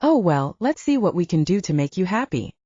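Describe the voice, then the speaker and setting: A fussy older male hotel clerk, read by a woman narrator, smoothly courteous. The voice is low and mellow, with lively pitch. Dry, slightly muffled audiobook sound. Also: brisk, no room sound. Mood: polite. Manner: smoothly polite.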